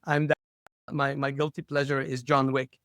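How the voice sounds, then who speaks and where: A man's voice: mid-range voice, monotone, normal speed, a bit bright, dry recording, studio quality. A middle-aged man born in Lebanon, a school superintendent chatting cheerfully as a guest over a video call, with light jokes. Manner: cheerful and joking. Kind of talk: casual interview chat.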